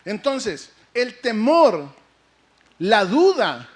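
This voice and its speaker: Man, pastor, high-pitched, lively sermon, questions to the congregation. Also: extremely slow. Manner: lively preaching, asks the congregation questions and acts out the story.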